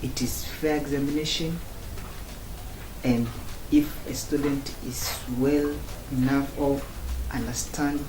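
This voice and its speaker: Man, student testimonial, halting short phrases, roomy echo, faint background hiss. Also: medium pitch, steady tone, darkish tone. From Tanzania. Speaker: former student giving a review. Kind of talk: spoken testimonial.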